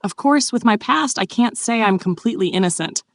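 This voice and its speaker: A woman's voice: on the high side, expressive, brisk, no room sound, studio quality, voice pushed up. A woman reading the part of a blunt, earnest young male duke in a plain, raised voice.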